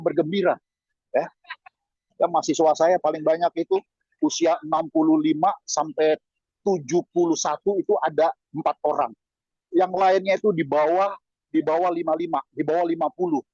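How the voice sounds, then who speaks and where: A man in his fifties preaches with a slightly raised, husky voice, leaping upward in pitch to stress a point and dropping into chatty asides. The recording is dull and lo-fi, with a close, dry sound. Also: dry recording. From Indonesia. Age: 50s. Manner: lively, swings pitch up for emphasis, chatty asides. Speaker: pastor. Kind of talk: sermon over video call.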